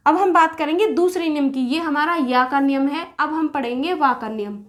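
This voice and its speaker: High-voiced woman teaching a patient lesson. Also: moderate pace. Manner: patient, repeats and rephrases points. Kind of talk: explaining a grammar lesson.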